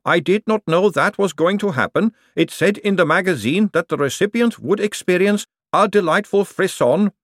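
A man's voice: high-pitched, lively intonation, moderate pace, hardly any pauses, fairly bright tone, no room sound, clean studio sound, pitched above the performer's own voice. A man voicing a literal-minded female golem clerk who talks in a formal, precise way. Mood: apologetic.

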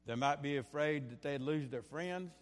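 In a church sanctuary, a pastor preaches an impassioned sermon, swinging between bursts of fervor and quieter asides and often repeating his phrases. His voice is a little high, his pace moderate, and the sound has a long reverb tail.

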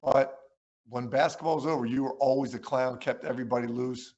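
A man's voice: mid-range voice, brisk, dull audio. A man in his sixties, a retired basketball coach and podcast guest, telling stories in a casual conversation and acting out quotes. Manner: animated storyteller, acts out quotes.

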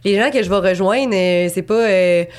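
A young woman in her late twenties with a Quebec French accent, chatting as an interview guest. Her voice sits at a middle pitch for a woman. She rambles warmly through her answers, full of fillers and little restarts. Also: moderate pace. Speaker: guest artist. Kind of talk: casual interview chat.

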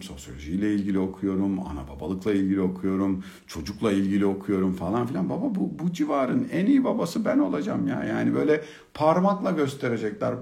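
A middle-aged man telling a humorous personal story about being a father, in an expressive, colloquial manner. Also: medium pitch, vocal fry. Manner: expressive, humorous, colloquial, swings from hushed to excited. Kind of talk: storytelling talk.

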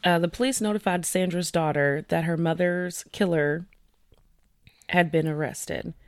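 A woman's voice: lowish voice, fairly even intonation, no echo. A woman co-hosting a true-crime podcast, talking through cases in a casual, chatty way. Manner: conversational, chatty with fillers, reads details slowly. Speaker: podcast co-host presenting cases.

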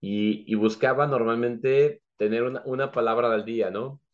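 A man's voice: mid-range voice, normal speed, muffled recording. A man with a Mexican Spanish accent, a host father of an exchange student, telling anecdotes in a casual chat and acting out little scenes as he goes. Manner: animated, acts out little scenes. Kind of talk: casual podcast storytelling.

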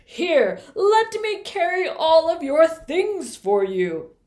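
A woman storyteller voicing a huge, overeager male giant who loudly exclaims his friendly welcomes. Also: very high-pitched, very animated, takes it slowly, voice pushed up, full character voice. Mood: exuberant.

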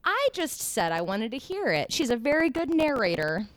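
A woman's voice: a little high, big pitch swings, moderate pace, no room sound. Giggly woman co-hosting a podcast. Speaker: podcast co-host. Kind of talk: casual chat.

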